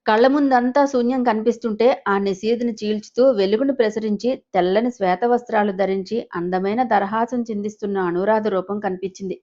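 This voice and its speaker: A woman's voice: mid-range voice, fairly even intonation, brisk, hardly any pauses, a little mellow, dull audio. A woman storyteller reading a scripted emotional audio story in a dramatic, emotive way.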